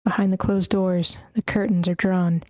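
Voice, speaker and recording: A woman reading a screenplay's scene directions aloud at an online table read, steady but stumbling over character names. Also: fairly low pitch, moderate pace, dry recording. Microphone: computer mic in an online meeting.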